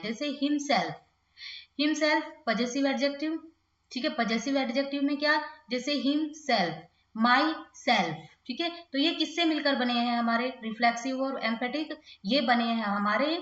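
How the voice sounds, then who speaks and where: A woman teaching an English grammar lesson in Hindi, checking in often with "okay" and slowing right down on English examples. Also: high-pitched, fairly bright tone, echoey room, highs cut off. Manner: says 'okay' and 'theek hai' often, slows right down for English examples.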